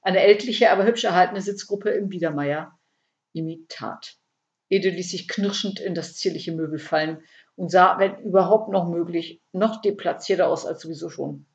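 A woman from Germany, reading her own comic story aloud with a dry, expressive delivery. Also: fairly low pitch, moderate pace, lo-fi sound. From Lüneburg Heath, northern Germany.

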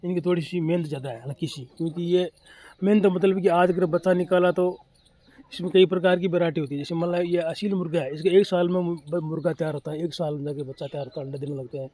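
A man from Rajasthan with a fairly high, steady, mellow voice talks quickly to the camera about his poultry, in a casual and repetitive vlog. It's shot outdoors on his open farm, and though there's no room sound, chickens cluck over faint noise.

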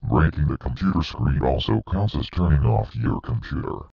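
A deep demonic robot stick figure. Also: male voice, moderate pace, vocal fry, lo-fi sound, heavily acted. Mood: menacing. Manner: flat threatening ultimatums. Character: menacing male stick-figure computer demon. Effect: robotic synthetic voice.

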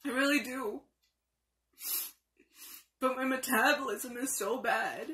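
A young adult woman, tearful and crying as she vents in an emotional, confessional vlog, speaking haltingly with weepy laughs. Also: high-pitched, bright, forceful tone. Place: small room indoors. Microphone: phone or webcam at arm's length.

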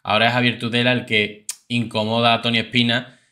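Bright-voiced Spanish male commentator. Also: mid-range voice, flat delivery, brisk. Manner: chatty, opinionated. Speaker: host. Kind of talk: casual commentary on reality TV clips.

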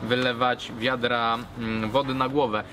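A man in his thirties from Poland talks casually to camera as a vlogger, with a hesitant, halting delivery, recorded outdoors. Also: mid-range voice, flat delivery. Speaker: cigar blogger, vlogger. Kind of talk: casual vlog talk to camera. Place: outdoors at a garden table by a brick wall. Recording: clear outdoor urban background noise.

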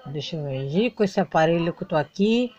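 Woman doing a slow low-voiced doctor. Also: lively intonation, darkish tone, highs cut off. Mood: calm. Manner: slow, lowered voice. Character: calm male family doctor, mildly joking.

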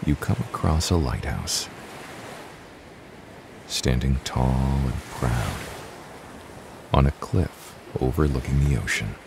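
A man narrating a guided sleep meditation in a soft, hushed, soothing voice that at times drops to a whisper. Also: very deep voice, animated, takes it slowly, vocal fry, pauses often, noisy background. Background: new-age music and ocean waves.

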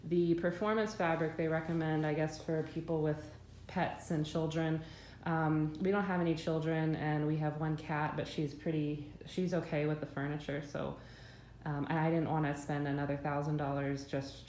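Low-voiced woman chatting in an echoey room. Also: moderate pace. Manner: relaxed, chatty, hesitant with many ums and restarts. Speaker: vlogger reviewing her couch. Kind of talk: casual product review. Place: her living room, indoors. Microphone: handheld phone filming the room. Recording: echoey room with faint background hum.

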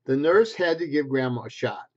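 His voice sits on the high side and moves at a moderate pace as this man in his sixties reads a picture book to preschoolers. The delivery is expressive and simple, with short asides along the way. It was recorded indoors in a small bedroom at home on a webcam at desk distance, and the sound is dull and lo-fi.

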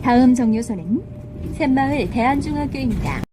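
A woman delivers scripted bus stop announcements, formal and carefully enunciated, in a high-pitched voice with lively intonation at a moderate pace. The public transit announcement plays over cabin speakers in a moving bus, recorded noisily amid loud road and vehicle noise.

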